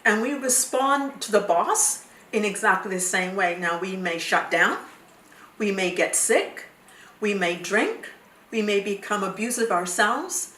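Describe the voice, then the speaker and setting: Calm woman counsellor in a roomy space. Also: medium pitch, a little slow. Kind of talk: explaining to camera. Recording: roomy echo, distant mic.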